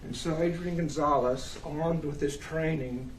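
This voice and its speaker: A man speaking as a prosecutor, delivering a courtroom closing argument in deliberate, emphatic phrases with pauses. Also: a little high, steady tone. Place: large indoor courtroom. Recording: roomy, distant mic, background noise.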